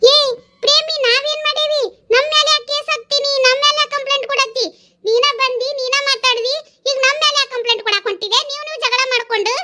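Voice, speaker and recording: A fretful village woman from a cartoon, explaining and pleading in a North Karnataka Kannada accent. Her voice is very high and bright, and she frightens easily. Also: fairly even intonation, fast talker, a little hiss or hum. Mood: protesting. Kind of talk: cartoon voice acting.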